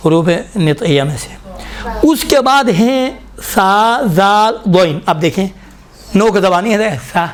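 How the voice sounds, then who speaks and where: A man with a high, light voice teaches a pronunciation lesson in a classroom. He stops to sound out single letters slowly and asks his students to listen closely. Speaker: Quran recitation teacher.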